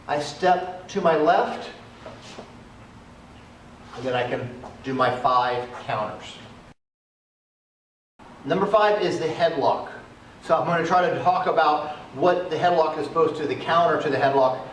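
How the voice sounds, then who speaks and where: A male martial arts teacher, his voice on the high side, breaks down self-defense techniques step by step while performing them outdoors on cement. The recording comes from a distant camera and is echoey, carrying a little hiss or hum.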